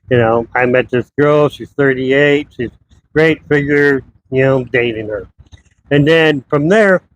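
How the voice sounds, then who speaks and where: A man's voice: medium pitch, slight background noise, poor audio. A man in his fifties telling personal stories in a rambling, casual vlog monologue from his townhouse. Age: 50s. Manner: rambling, conversational storytelling. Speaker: vlogger.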